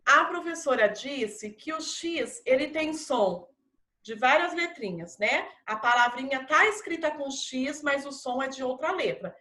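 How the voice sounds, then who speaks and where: Woman, Brazilian accent, primary school teacher, patient and encouraging, slow, echoey room. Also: sits high, animated, sharp tone. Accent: Brazilian Portuguese. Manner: slow, drawn-out pronunciation of example words. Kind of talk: recorded classroom lesson.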